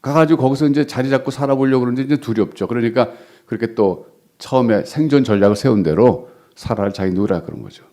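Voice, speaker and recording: Animated, mellow-voiced male pastor preaching. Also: medium pitch. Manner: conversational preaching, acts out quoted voices with rising emphasis. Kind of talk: sermon.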